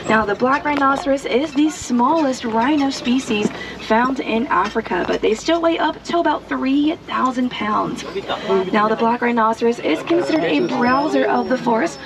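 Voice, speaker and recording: A woman working as a safari guide, giving rehearsed tour commentary outdoors from a moving truck. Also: poor audio. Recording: loud crowd and vehicle, outdoor ride. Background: crowd chatter and vehicle rumble.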